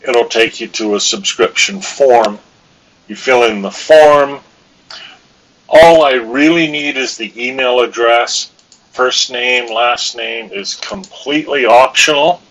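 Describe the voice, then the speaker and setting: A man with the hiccups leads a live-streamed course tutorial at a slow, unhurried pace. He talks at an ordinary middle pitch, hesitating often with ums and uhs while he clicks through his screen. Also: fairly bright tone, rough recording. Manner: hesitant, frequent fillers. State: has the hiccups. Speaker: online course instructor.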